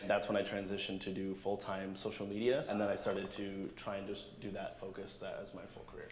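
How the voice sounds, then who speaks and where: An easygoing man in his twenties answering questions with a fairly low voice. The room is echoey, with a long reverb and music playing underneath. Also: monotone, fairly quick. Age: 20s. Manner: easygoing, laughs readily. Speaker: interviewee. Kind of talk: casual interview answers.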